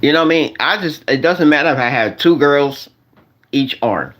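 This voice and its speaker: Moderately paced and a bit bright, this slightly high male voice has lively intonation. It belongs to a forty-something vlogger who talks loosely at his viewers, repeating and restarting phrases, throwing in slang and addressing them as y'all.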